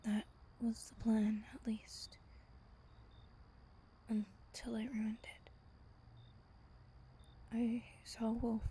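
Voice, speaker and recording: A voice actor performs a gentle, wistful female vampire in roleplay audio, telling a bedtime story in a tender, intimate, breathy whisper. Her fairly high voice carries a somber, ominous mood, with a faint hiss or hum in the recording.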